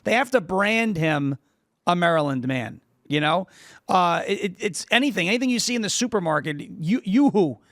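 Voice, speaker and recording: A man in his thirties from New York, with a high-pitched voice, talks through his argument in a casual political discussion. He leans on everyday examples and keeps asking "right?" to draw the others in. He is recorded close on the mic in a dry room with no echo. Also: animated, normal speed, fairly bright tone. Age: 30s. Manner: explains with everyday examples, asks rhetorical "right?". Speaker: podcast panelist.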